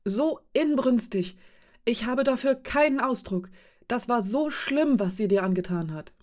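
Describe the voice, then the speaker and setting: A woman's voice: medium pitch, moderate pace, mellow, lightly acted. A woman voicing an intense, passionate young woman. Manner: emotional, insistent. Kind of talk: audiobook character voice.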